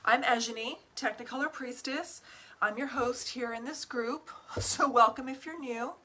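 A fairly high-pitched woman speaks at a moderate pace with a bright, forceful tone. As an online group host and business coach, she runs a livestream and greets viewers in an effusive, theatrical, bubbly way, full of whoops and pet names. She swears casually and keeps checking in with "right?" and "okay?"

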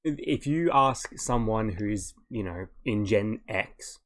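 A man's voice: fairly low pitch, expressive, slow, a bit bright. Rambling young man, tired and casual. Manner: rambling storyteller, laughing at his own jokes. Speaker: podcast co-host. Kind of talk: casual chat.

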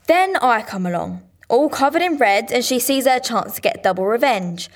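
An actress playing a sulky, sharp-tongued teenage girl solving a crime, sarcastic and offhand. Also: a little high, lively intonation, moderate pace. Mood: reasoning. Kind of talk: radio drama acting.

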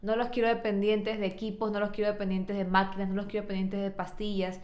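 A woman's voice: mid-range voice, little pitch movement, fast, a little mellow, echoey room. A young adult woman hosting a nutrition podcast, talking in an upbeat, chatty and affectionate way. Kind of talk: casual podcast talk.

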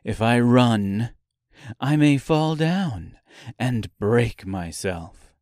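A man's voice: medium pitch, lively intonation, no room sound, clean studio sound. A man voicing a timid, delicate little china princess in a storybook reading. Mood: wistful. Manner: slow, soft and fragile.

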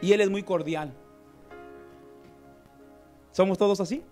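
A man delivers a lively sermon in a notably high voice. He acts out everyday scenes and keeps calling his listeners brother, while soft music plays faintly behind him. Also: a little slow. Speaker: preacher.

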